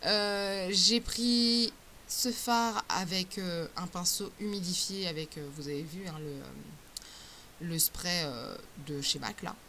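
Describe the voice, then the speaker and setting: Chatty woman vlogger: bright, tense tone, casual tutorial talk, frequent fillers and self-corrections. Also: lowish voice, slow pace, a little hiss or hum. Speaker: beauty vlogger. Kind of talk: casual makeup tutorial chat.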